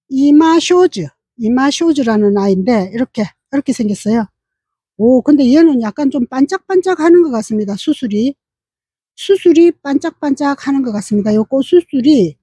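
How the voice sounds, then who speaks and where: A woman's voice: sits high, dark tone, breathy edge, no echo. A middle-aged woman, chatting casually as she shows off plants in a flower nursery vlog, repeating herself as she points things out. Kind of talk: casual show-and-tell vlog.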